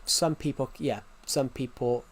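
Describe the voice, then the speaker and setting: A British game streamer with a West Country accent chats casually with his viewers in a mid-range, slightly breathy voice. His intonation stays fairly even and his pace measured as he rambles, restarting and repeating phrases.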